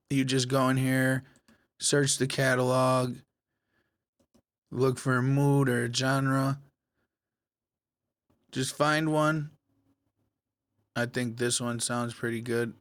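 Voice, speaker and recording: A man hosting a casual software tutorial, talking viewers through each step in a relaxed, conversational way. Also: mid-range voice, clean tone, no echo. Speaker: tech tutorial host. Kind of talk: screen-recorded software tutorial.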